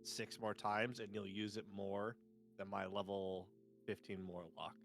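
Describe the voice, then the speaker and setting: Halting male tabletop player. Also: fairly low pitch, level tone, gravelly, a bit bright. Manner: halting, restarts a lot while explaining. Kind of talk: casual chat at a tabletop game. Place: online voice chat.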